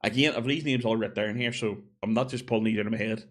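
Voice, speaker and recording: A man's voice: lowish voice, fairly even intonation, quick pace. A man giving a casual opinion monologue, chatty and thinking aloud as he corrects himself. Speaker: gaming video creator.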